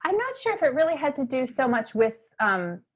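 A woman in her thirties from Maine, USA, an entrepreneur appearing as an interview guest, tells stories in a chatty, casual conversation full of fillers and lively emphasis. Her voice sits high and runs a little fast, and the audio sounds dull.

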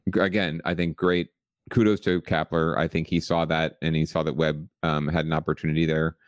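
Deep-voiced man in casual sports chat. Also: flat delivery, fairly quick, dry recording, clean studio sound. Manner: conversational, many fillers and restarts, wry humor. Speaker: podcast co-host.

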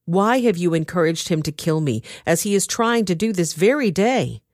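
A woman voicing a paranoid king who shouts accusations at his men. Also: lowish voice, animated, normal speed, dry recording, clean studio sound. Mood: furious.

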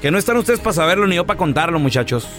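A man's voice: a little high, big pitch swings, very fast, fairly bright tone, faint music behind. A man with a Mexican Spanish accent full of US Chicano slang, hosting a radio show in casual banter.

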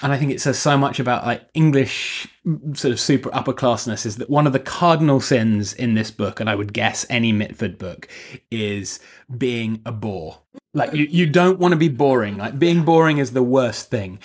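A man co-hosting a book podcast, relaxed and thoughtful, sharing personal anecdotes. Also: medium pitch, moderate pace, slightly rough. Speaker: podcast co-host. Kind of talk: casual book discussion.

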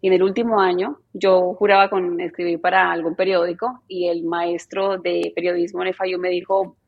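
A woman in her thirties from Colombia speaks in a slightly low voice. Her Colombian accent is softened and mixed with neutral Spanish. She talks in a chatty, easygoing way as a journalist guest. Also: level tone, normal speed, creaky, phone-quality sound. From Medellín, Colombia. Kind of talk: casual interview chat.

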